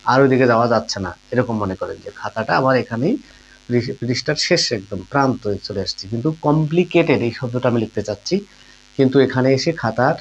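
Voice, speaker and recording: A man's voice: medium pitch, highs cut off, slight background noise. A man teaching a grammar lesson, patiently explaining rules with examples and often calling his listeners friends. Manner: patient, repeats key points, addresses listeners as friends.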